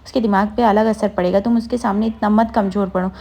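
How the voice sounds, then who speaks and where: A woman reading the lines of a calm, sensible young woman who speaks steadily and firmly. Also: mid-range voice, fast, lightly acted. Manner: steadying, firm.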